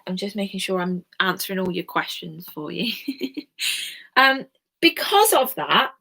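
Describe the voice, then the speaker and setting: A woman's voice: mid-range voice, pushed and bright. A young woman, giving a casual recorded history lesson in a chatty, informal way, full of asides and filler words. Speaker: history teacher.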